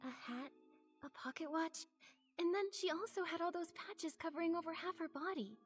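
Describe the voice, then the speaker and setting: A woman's voice: very high-pitched, moderate pace. A young woman voicing an earnest, curious game heroine who reasons things through aloud. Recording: game audio with faint music.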